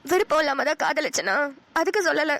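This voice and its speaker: A woman voicing a gentle, anxious young bride in a cartoon, speaking softly and pleadingly. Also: high-pitched, sing-song, fairly quick, no room sound, exaggerated voice. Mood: worried. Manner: soft, worried, pleading. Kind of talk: cartoon voice acting.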